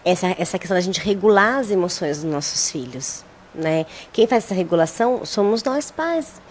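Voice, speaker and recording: A woman's voice: fairly low pitch, animated, moderate pace, a little hiss or hum. Earnest woman telling a story. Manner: earnest, reflective storytelling with frequent tag questions. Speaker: radio show participant on parenting. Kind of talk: conversational radio talk.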